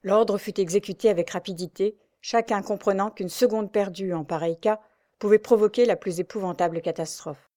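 Woman, audiobook narrator, adventure novel, steady dramatic reading. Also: mid-range voice, brisk.

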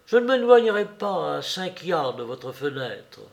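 A man voicing a passionate, defiant young man who speaks urgently and loudly, in an audiobook reading. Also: fairly high pitch, sing-song, measured pace, creaky, full character voice. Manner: urgent, forceful, loud.

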